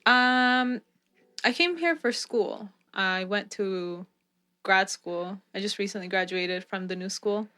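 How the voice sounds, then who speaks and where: A woman's voice: medium pitch, slow, sharp tone. A young woman in her twenties from Southern California and Mexico, chatting easily as an interview guest and filling her talk with "like" and "um". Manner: easygoing, frequent "like" and "um" fillers, laughs often. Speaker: guest, volunteer. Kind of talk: casual interview chat.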